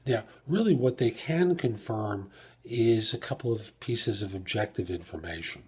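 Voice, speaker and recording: A man with a fairly low, slightly mellow, husky voice talks at a normal speed. He hosts a career advice podcast alone as a job search coach, explaining things step by step and posing rhetorical questions that he then answers.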